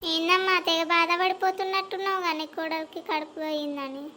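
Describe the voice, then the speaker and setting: A woman's voice: extremely high pitch, steady tone, noisy background. A woman with a Telangana accent playing a sly, meddling young married daughter in a village skit. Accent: Telangana Telugu. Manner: quick, teasing and meddling. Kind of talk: village comedy skit acting.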